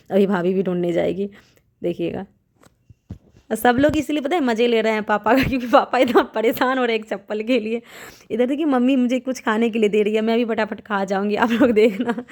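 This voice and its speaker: A young woman narrates a casual family vlog, speaking straight to her viewers. Her voice has a gravelly fry at a middle pitch. She films on a handheld phone as she walks around her family's village home. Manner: chatty, warm narration to viewers, often addressing them directly. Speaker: vlogger.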